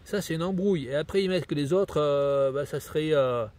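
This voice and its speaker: A man's voice: on the high side, brisk, darkish tone. A man recording outdoors in a sunny wood, reading out web pages and grumbling critically about them, with many fillers and restarts. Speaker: nature video maker.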